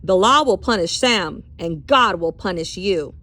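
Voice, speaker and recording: A woman voicing a drunk, smug small-town sheriff with a slow, taunting drawl for a storybook. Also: medium pitch, expressive, sharp tone. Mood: smug threatening.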